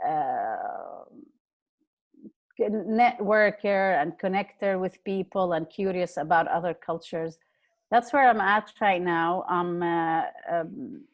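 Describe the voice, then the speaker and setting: A woman talks in a relaxed conversation, her voice sitting on the low side. She speaks reflectively, with small pauses and fillers as she gathers her thoughts. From Palestinian, raised in Jordan. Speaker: peace activist and therapist. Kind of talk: casual conversation.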